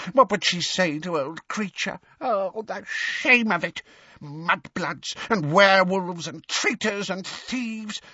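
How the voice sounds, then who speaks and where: A man voicing a hunched, spiteful old male house elf who mutters hoarsely under his breath. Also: fairly high pitch, pushed and bright, dry recording, muffled recording, pitched above the performer's own voice, exaggerated voice.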